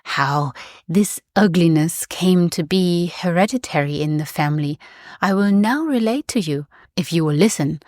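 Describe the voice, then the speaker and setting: A woman's voice: on the low side, a little mellow, no echo, clean studio sound, lightly acted. Woman doing a grating old godfather chanting. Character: odd elderly male godfather, grating and mysterious.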